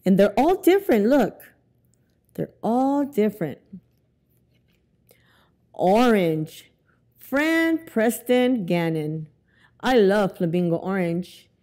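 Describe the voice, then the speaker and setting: Wearing a lapel mic indoors in a library, a middle-aged woman reads a children's picture book to young kids. Her delivery is unhurried, deliberate, and expressive, with lively pitch suited to storytime.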